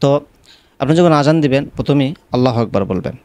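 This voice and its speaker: A man with a resonant, clean voice leads a recitation lesson at a middle pitch. He spells each sound out slowly, then stretches the call into long melodic lines. The recording is close and dry, with no room sound. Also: lively intonation, a little mellow, no echo. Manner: explains letter by letter, then chants the call in long drawn-out melodic phrases. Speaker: azan pronunciation teacher.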